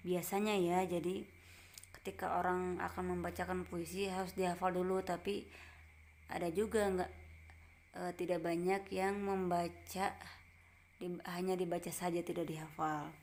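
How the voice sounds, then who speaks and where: A woman teacher giving a gentle lesson to a class, explaining step by step in short phrases and checking in with her pupils. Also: on the low side, little pitch movement, moderate pace, long pauses, slight background noise.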